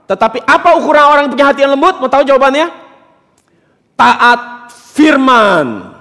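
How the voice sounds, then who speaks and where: Man, pastor, interactive sermon, high voice, teasing and emphatic, long church-hall reverb. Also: racing, a bit bright. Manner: questions the congregation directly, teasing and emphatic. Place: church hall during a service.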